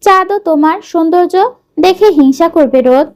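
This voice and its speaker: A smitten young man who showers flowery compliments, read aloud by a woman. The voice is very high. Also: normal speed, a little mellow. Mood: admiring. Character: admiring, flattering young man.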